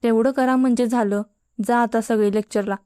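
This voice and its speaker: A woman's voice: fairly high pitch, fairly even intonation, moderate pace, warm tone, no room sound, studio quality, close to an everyday voice. Stern male math teacher, as a woman reads him. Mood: scolding. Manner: scolding. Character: stern but kind middle-aged male math teacher.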